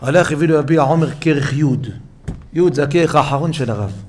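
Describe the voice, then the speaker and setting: A man, a rabbi, delivering a sermon in a synagogue, telling stories with strong emotion, repeating phrases for emphasis and swinging between loud and soft. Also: on the high side. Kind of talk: sermon with storytelling.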